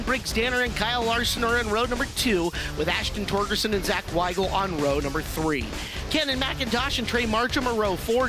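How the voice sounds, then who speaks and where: Man calling a race lineup. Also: high voice. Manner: brisk lineup rundown. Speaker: race commentator. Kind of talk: broadcast race commentary.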